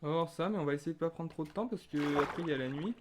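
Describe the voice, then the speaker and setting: Young man, gameplay commentary, slightly high voice, chatty, excitable bursts, faint hiss and clicks. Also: very fast. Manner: chatty, excitable bursts over calm play-by-play. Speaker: gaming video creator.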